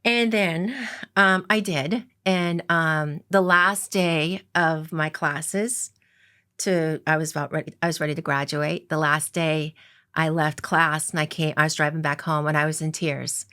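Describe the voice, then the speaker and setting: A middle-aged woman from the Coeur d'Alene reservation in Idaho, US, a casino executive appearing as an interview guest, tells her story earnestly and reflectively with many filler ums. Her voice is low, sharp and clean, with fairly even intonation and an unhurried pace.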